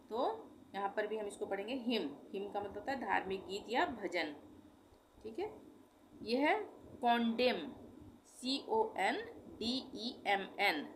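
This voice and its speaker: Woman teacher, patient, spells out each word letter by letter, faint noise in the background. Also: a little high. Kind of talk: spoken language lesson.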